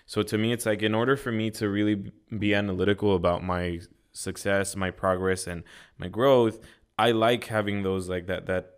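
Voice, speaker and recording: A man's voice: fairly low pitch, little pitch movement, normal speed, clear, resonant tone. A man in casual podcast chat, emphatic and full of "like", with some swearing. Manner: emphatic, frequent filler "like", occasional swearing. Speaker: podcast co-host.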